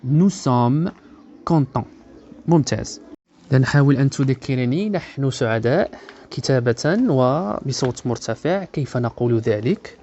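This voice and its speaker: Male teacher from Morocco, mellow voice, patient slow repetitions, lo-fi beginner lesson audio. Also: medium pitch, expressive, a little hiss or hum. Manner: slow, drawn-out model phrases repeated for learners. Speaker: French teacher.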